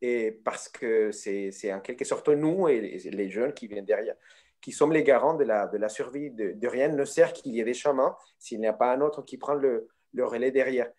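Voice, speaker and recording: A man's voice: medium pitch, normal speed, a little mellow. Hesitant man answering on a panel. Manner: hesitant, searching for words.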